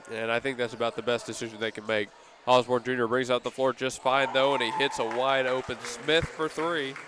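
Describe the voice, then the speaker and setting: A man doing casual play-by-play commentary on a high school basketball game for a local radio stream, with easy asides between plays. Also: background noise. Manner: steady play-by-play, casual asides and quick self-corrections. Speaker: play-by-play announcer.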